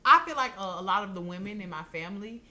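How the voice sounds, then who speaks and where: A woman's voice: medium pitch, expressive, fast talker, a crowd in the background. A woman co-hosting a podcast, chatting casually, joking and laughing often. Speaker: podcast co-host. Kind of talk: casual chat.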